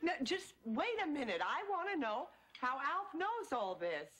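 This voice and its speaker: A woman's voice: high-pitched, sing-song, a little slow, fairly bright tone, exaggerated voice. An older woman playing an impatient, emotional widowed mother in a sitcom. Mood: insistent. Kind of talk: sitcom acting. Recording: noisy, studio audience behind.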